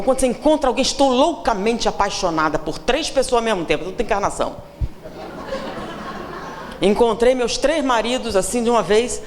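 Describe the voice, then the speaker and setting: A Brazilian woman with a Brazilian Portuguese accent, giving a seminar lecture, teasing the audience with questions and acting out the people she quotes. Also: lowish voice. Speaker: seminar speaker. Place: lecture hall. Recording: reverberant hall, faint room noise.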